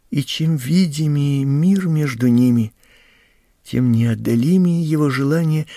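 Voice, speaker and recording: A man reads a story aloud at a slow, measured pace. His voice is gravelly and husky. The sound is dry and close, with no room echo. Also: medium pitch, mellow. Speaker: audiobook reader. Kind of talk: scripted narration.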